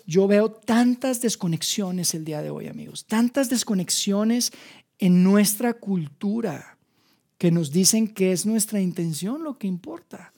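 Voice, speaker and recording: Emphatic Mexican preacher, mellow tone. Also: male voice, high voice, animated, measured pace, creaky. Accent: Mexican Spanish. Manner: emphatic, repeats rhetorical questions, drops to hushed tones. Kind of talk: sermon.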